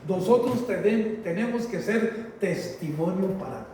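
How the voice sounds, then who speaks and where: High-voiced man preaching slow, mellow tone, huge cathedral echo from far off. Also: expressive. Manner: slow, emphatic, repeats phrases and addresses listeners as brothers. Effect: heavy cathedral-like echo. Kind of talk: sermon. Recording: very echoey hall, voice from far off, faint noise.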